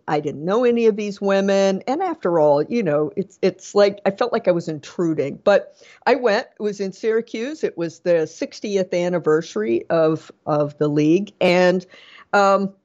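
A woman's voice: on the low side, a little mellow, highs cut off. A middle-aged woman, an author and professor, answering interview questions with many ums and restarts. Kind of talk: podcast interview.

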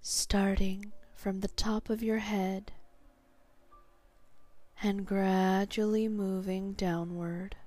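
A woman guiding a hypnosis meditation in a calm, soothing, meditative tone, soft and breathy, sinking toward a whisper at phrase ends. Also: medium pitch, drawn-out words, no echo. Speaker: hypnotherapy guide.

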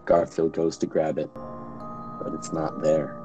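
A man giving a mock-dramatic spooky reading of comic strips, slow and theatrical. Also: extremely low pitch, flat delivery, music in the background, low-quality recording. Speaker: podcast co-host.

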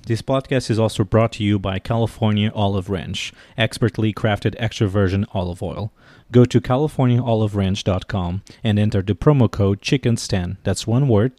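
A man's voice: on the low side, a little mellow, no echo. A man from Portugal with a Portuguese accent, hosting a podcast interview with friendly, upbeat introductions. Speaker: podcast host and chef.

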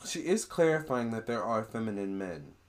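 A man in a casual monologue to camera, relaying a spirit's words in a chatty, animated way with gushing exclamations. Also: fairly low pitch, normal speed.

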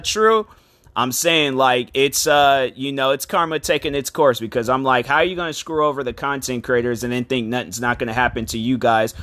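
Man, mid-pitched voice, casual vlog commentary, slangy, informal, repetitive, phone mic, dry sound. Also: a bit bright, no room sound. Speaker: YouTube show host. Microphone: cell phone microphone.

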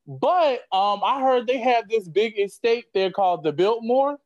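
A laid-back man co-hosting a casual podcast. His voice sits fairly high for a man, and he talks in a relaxed, playful way, often dropping in "you know". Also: measured pace, muffled recording. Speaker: podcast co-host. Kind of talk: casual chat.

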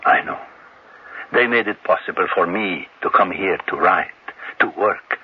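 A haunted old exiled professor. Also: male voice, low-pitched, lively intonation, slight background noise. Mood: bitter. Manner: agitated, halting, emotional. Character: aging male exiled professor, anxious and haunted. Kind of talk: radio drama acting. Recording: dull lo-fi old radio.

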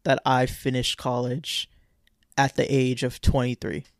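Man in his twenties, podcast co-host, relaxed rambling chat, mid pitch, dry close sound. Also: a little slow, vocal fry, no room sound. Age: 20s. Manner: casual, rambling, repeats words. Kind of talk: casual chat.

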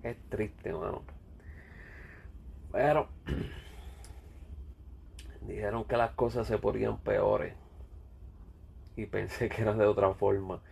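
Man, Puerto Rican accent, gravelly, mellow, blunt profane rant. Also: on the low side, steady tone, takes it slowly, long pauses. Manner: blunt, profane, repetitive ranting. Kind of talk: casual rant.

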